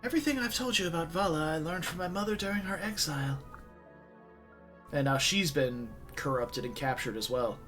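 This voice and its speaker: A man's voice: a little high, expressive, a little fast, a bit bright, soft background music, voice pushed up. A man voicing a solemn young princess in amateur game voice acting, speaking earnestly in a raised voice.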